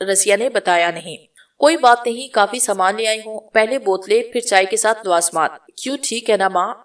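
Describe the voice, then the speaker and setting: A woman's voice: mid-range voice, distant mic. A woman narrating a novel and reading every character's lines in her own voice. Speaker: storyteller.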